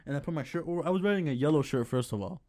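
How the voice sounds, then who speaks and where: A man's voice: on the high side, expressive, very fast, a little mellow. Laughing young man telling a work story. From Chicago. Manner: rambling, laughing, acts out quoted arguments. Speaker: guest. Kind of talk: casual storytelling chat.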